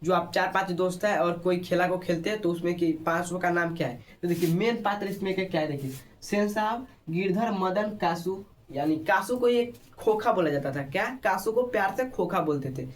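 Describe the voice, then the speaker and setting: Fairly quick and high-voiced, a Bihari Hindi-accented man runs an exam-prep class. He fires off short questions and restates the answers for his students.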